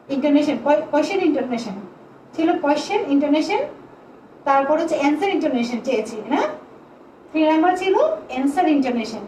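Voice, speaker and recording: A woman teaching an English class to young children online, slowly stretching out example sentences for them to repeat. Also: high-pitched, darkish tone. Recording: echoey room, faint background noise.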